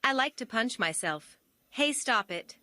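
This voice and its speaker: A woman's voice: on the high side, measured pace. A woman's synthetic text-to-speech voice as a female AI that talks back and gets teased. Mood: matter-of-fact. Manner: even synthetic delivery. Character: female AI voice, talkative and easily teased.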